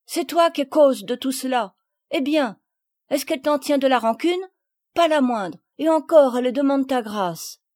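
A woman's voice: expressive, unhurried, dry recording, clean studio sound. A woman putting on a blunt old peasant gardener. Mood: scolding. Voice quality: rustic country speech. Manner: loud, scolding, high-pitched.

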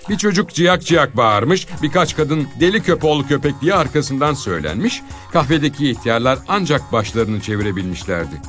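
A man reading a short story aloud in an expressive, dramatic storytelling manner. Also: mid-range voice, normal speed, few pauses, soft background music. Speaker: narrator.

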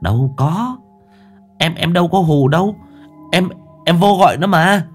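A man voicing a flustered young man who stammers and shouts in a ghost story. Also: a little high, a little slow, husky, faint music behind, voice pushed up. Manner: stammering, raised voice.

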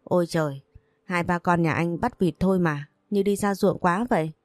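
A woman's voice: fairly low pitch, normal speed, darkish tone, dry recording, studio quality, close to an everyday voice. A woman reading the lines of a playful, somewhat childish young woman, in a plain audiobook reading voice. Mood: playful, polite. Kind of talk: audiobook narration.

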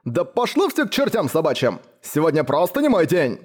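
A man voicing a brash, boastful biker who talks loudly and mockingly, with a raised, swaggering voice. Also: fairly high pitch, huge pitch swings, normal speed, slightly rough, voice pushed up, exaggerated voice. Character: brash boastful male biker, loud and cocky.

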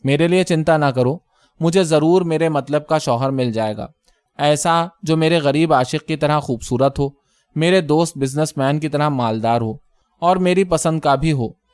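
Man voicing a poised young woman, calm and matter-of-fact, slightly raised pitch, smooth clear voice, dry close sound. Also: no echo, close to an everyday voice. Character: calm self-assured young beautiful woman. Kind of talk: audiobook story reading.

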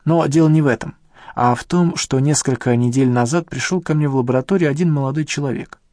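A man reads the part of a rueful old professor in an audiobook, grumbling and complaining defensively at a pitch higher than his own. He speaks at a quick pace with a darkish tone, close to an everyday voice, in studio-quality audio without room sound.

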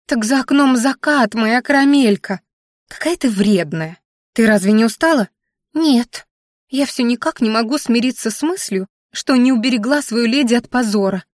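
Woman voicing a fussy little furry governess creature, high and fretful, scolding with pet names, close dry sound. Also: lively intonation, moderate pace, no echo. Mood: fretting.

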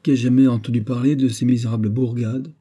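A man's voice: normal speed, dark tone, slightly rough. A man voicing a boisterous, hunting-mad army captain in an audiobook, exclaiming in a raised voice. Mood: hearty. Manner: exclaiming, raised and higher than the narration.

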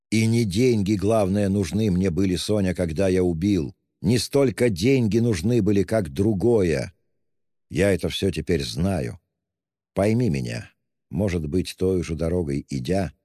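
A man's voice: low-pitched, dark tone, no room sound, clean studio sound, long reverb tail. A man reading an audiobook, voicing a tormented, brooding young man with intense delivery. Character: tormented young male murderer, feverish and brooding.

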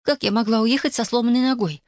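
A woman's voice: fast talker, darkish tone, no room sound, studio quality, close to an everyday voice. A woman reading an audiobook, voicing a desperate, defiant young woman who cries out at her family. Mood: shrill, accusing. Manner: emotional, rising to shrill cries. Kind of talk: audiobook character voice.

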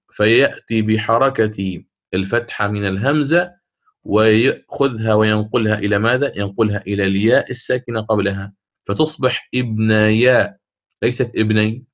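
A man with a North African Arabic accent teaching a lesson on Quran recitation rules. He explains, then slows down to recite the example words. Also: lowish voice, lo-fi sound.

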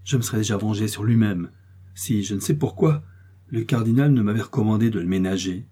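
A man voicing a young, cold and cruel noblewoman with a shrill voice and a haughty, scolding manner. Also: a little fast, slightly rough. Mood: venomous. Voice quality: shrill, sharp.

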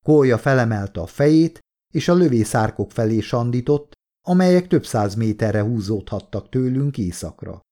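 Male audiobook narrator, measured and steady, warm dark timbre. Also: mid-range voice.

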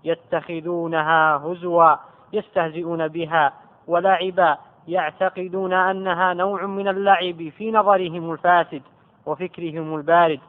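A man with a fairly high voice reads a scholarly text aloud in a measured, careful way. The recording is narrow and tinny, like a phone line. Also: level tone. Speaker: student reading a text aloud to a teacher.

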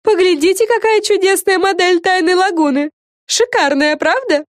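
A woman reading an audiobook, voicing a bossy, excitable fairy girl who hosts a show, talking in emphatic exclamations. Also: very high voice, moderate pace, dry recording, clean studio sound, pitched above the performer's own voice.

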